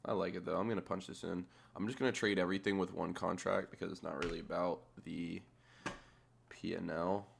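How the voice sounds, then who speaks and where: Man, deep voice, very creaky, casual thinking-aloud commentary, offhand, muttered, sweary. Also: steady tone, fairly quick, slight background noise. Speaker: trader narrating a chart replay.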